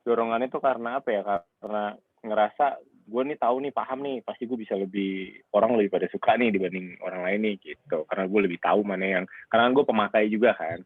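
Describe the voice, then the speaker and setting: A man's voice: on the low side, fast talker, no room sound. A man who owns a car wash, chatting casually in an interview over a call and rambling with plenty of fillers. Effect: heard over a phone line. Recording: narrow tinny phone-like sound, dry.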